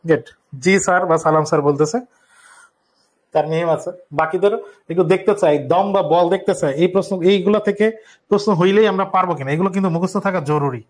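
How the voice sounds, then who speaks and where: Young adult male tutor, high voice, patient step-by-step live lesson delivery. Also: quick pace. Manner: repeats key terms, explains step by step. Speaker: teacher. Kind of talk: live online exam-prep lesson.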